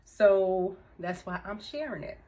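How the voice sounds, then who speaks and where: A woman's voice: mid-range voice, lively intonation, measured pace, mellow. A woman in her fifties chatting casually to camera as a vlogger, laughing often between thoughts. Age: 50s. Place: indoors, room with music she turned off.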